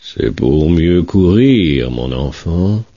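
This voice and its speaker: A man voicing a sly, hungry male wolf in a storybook reading, with a slow, low, menacing murmur. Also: lively intonation, warm tone, slightly rough, no room sound, dull audio, heavily acted.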